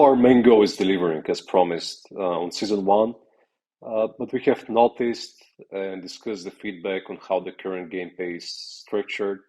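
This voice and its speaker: A man presenting semi-scripted development updates in a formal, halting way, leaning on the starts of phrases. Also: fairly low pitch, darkish tone, low-quality recording.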